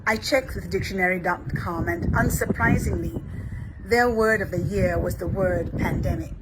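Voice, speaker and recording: A woman from Barbados, an Episcopal priest giving a measured, scripted reflection. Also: lowish voice, background noise.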